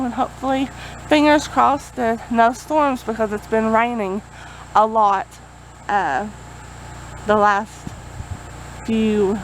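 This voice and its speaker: A woman's voice: a little high, poor audio. Lady doing a rambly homey vlog update outside, bit of generator and truck noise behind her. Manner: folksy, rambling. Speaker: vlogger. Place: outdoors near a road. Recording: outdoor generator and road noise. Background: generator and passing vehicles.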